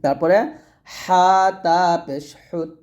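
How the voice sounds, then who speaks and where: A man with a Bangladeshi Bengali accent teaching Quran reading, spelling out letters and vowel marks slowly and pausing for students to repeat. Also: fairly high pitch, fairly even intonation, a little mellow. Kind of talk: slow recitation drill lesson.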